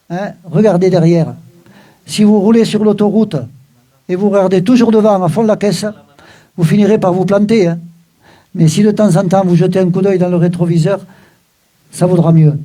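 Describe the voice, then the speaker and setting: An older man teaches with an animated, emphatic manner, tossing in frequent asides to his listeners. His voice sits high for a man yet stays soft and mellow in tone. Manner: lively, emphatic, frequent "hein" and "voilà" asides. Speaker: Occitan teacher. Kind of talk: explaining a text in a recorded talk.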